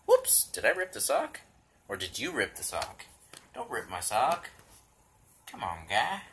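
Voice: mid-range voice, a little slow, slight background noise. A vlogger talking casually while playing with a puppy, swearing freely and calling out playful exclamations. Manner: lively, playfully exaggerated exclamations.

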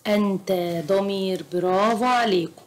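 A woman with an Egyptian Arabic accent tutoring young children in Arabic grammar, slow, patient and encouraging. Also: medium pitch, fairly even intonation. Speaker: private tutor. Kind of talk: teaching a children's Arabic lesson.

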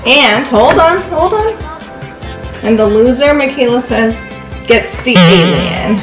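A woman, a mother, chatting playfully and in an animated way with a young child while playing a game. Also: on the high side, takes it slowly. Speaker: mother co-hosting a family toy channel. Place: indoor room at a table, echoey. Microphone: camera a short distance away. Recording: roomy echo, music behind.

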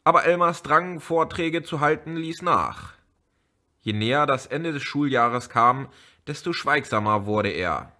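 A man narrating an audiobook chapter in a measured storytelling manner. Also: a little high, lively intonation, pushed and bright. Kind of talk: scripted narration.

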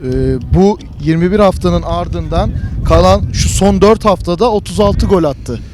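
Male football show host, high-pitched, presenting style, clear ambient noise behind. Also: a little slow.

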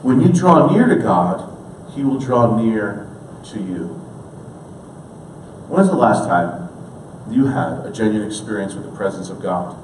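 A man in his thirties preaching a sermon in an earnest way, moving between hushed, slow lines and emphatic ones. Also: fairly low pitch, expressive, a little hiss or hum. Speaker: pastor. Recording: roomy, distant church recording.

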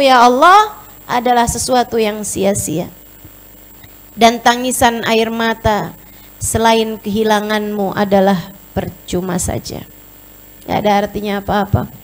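A woman's voice: a little high, fairly even intonation, a little slow. A woman giving an emotive sermon as a religious teacher, addressing her listeners as friends and sisters.

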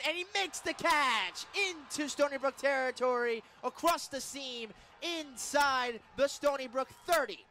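On live radio, an American man calls football play-by-play in a very high, bright voice. He's the classic excitable, emphatic announcer tracking every snap, building to emphatic calls when the big plays hit.

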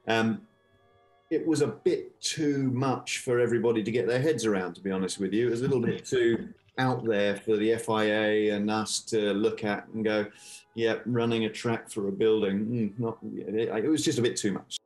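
Low-voiced man answering over video call. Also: steady tone, normal speed, darkish tone, faint music behind. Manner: hesitant, with fillers and restarts. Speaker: event director being interviewed. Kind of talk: interview answers.

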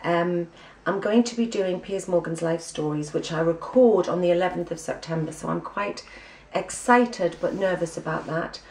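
A vlogger with an English accent gives a breezy, chatty personal catch-up to camera, full of ums. Her voice is fairly low and darkish, at normal speed with hardly any pauses, and she sounds far from the mic in a roomy space on a low-quality recording.

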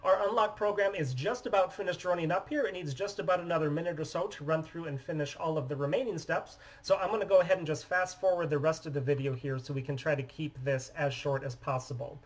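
A man in his thirties from the United States, giving a steady, methodical explanation while demonstrating a phone at his desk in a small room. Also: on the high side, fast talker, few pauses, low-quality recording. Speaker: phone repair business owner. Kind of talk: scripted product demonstration. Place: small indoor office room.

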